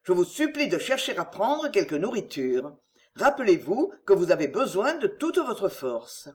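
A reader voicing a courteous English gentleman, posing as a lackey, speaking politely and firmly. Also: high voice, very animated, a little slow. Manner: courteous, sometimes gruff.

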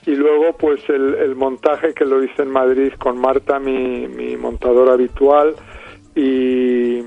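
A middle-aged man from Spain with a Spain Spanish accent reflects on his film in a radio interview. He talks at a mid pitch, pausing and restarting as he thinks. His voice arrives dry and narrow, like a telephone line. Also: flat delivery, creaky, no echo. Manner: thoughtful, frequent hesitations and restarts. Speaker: film director guest. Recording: dry, tinny phone line.

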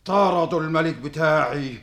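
A wicked, commanding demon king in Egyptian radio fantasy. The voice is fairly high and heavily gravelled, boastful and theatrical, with an evil-laughing menace. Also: normal speed, fairly bright tone. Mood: menacing, scheming.

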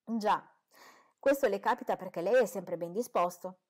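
A woman's voice: mid-range voice, moderate pace, darkish tone, natural voice. A woman reading as a fussy, boastful mother. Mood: gushing. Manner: gushing, indignant. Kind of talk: audiobook reading.

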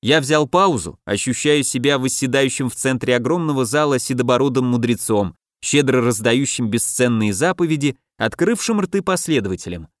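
A man narrating a first-person audiobook in a calm, measured, contemplative manner. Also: mid-range voice, no echo, clean studio sound.

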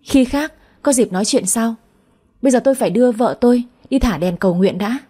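A woman's voice: fairly high pitch, brisk, dark tone, husky. A woman voicing a cold, jealous young husband who speaks curtly and scolds. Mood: stern.

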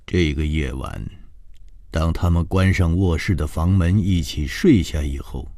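A man narrating a long broadcast story in a suspenseful, measured way. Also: very deep voice, warm tone, no echo.

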